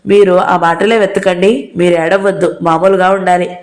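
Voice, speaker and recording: A woman voicing a kindly middle-aged male lawyer in a storybook reading, calm and firm. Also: fairly low pitch, moderate pace, lightly acted. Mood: advising.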